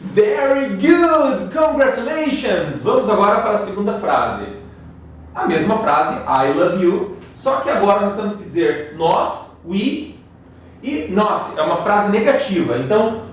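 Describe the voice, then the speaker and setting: Brazilian male English teacher, higher voice, patient and explanatory, echoey distant room sound. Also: big pitch swings, a little hiss or hum. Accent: Brazilian Portuguese. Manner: slow, careful English example sentences; frequent "tá?" and "né?" check-ins. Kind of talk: classroom grammar lesson. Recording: very echoey room, voice far from mic.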